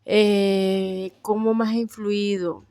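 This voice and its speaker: A young vlogger from Barranquilla, Colombia, with a Caribbean coast accent, chats casually about herself, thinking aloud with frequent fillers. Her mid-range voice is warm, clear and resonant, with little pitch movement and a slow pace, recorded clean in a studio without echo.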